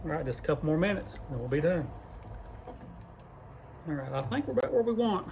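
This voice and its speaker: A man's voice: fairly high pitch, very animated, fairly quick, gravelly, darkish tone, slight background noise. A man hosting a casual cooking vlog in a barn workshop, talking in a folksy, rambling, self-deprecating way. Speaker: cooking channel host. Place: barn workshop where deer are cleaned.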